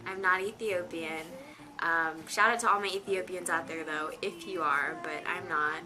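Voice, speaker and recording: A woman's voice: fairly low pitch, fairly even intonation, normal speed. A nineteen-year-old woman chatting casually to camera from her bedroom, rambling with lots of fillers. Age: teens. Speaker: vlogger. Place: her bedroom on a rainy day.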